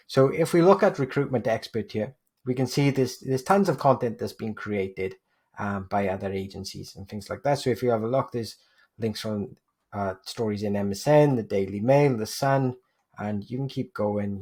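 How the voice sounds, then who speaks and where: A man with a low, gravelly and slightly husky voice talks through a screen-share tutorial. He explains step by step as he points out examples on screen. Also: darkish tone. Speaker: digital PR agency presenter.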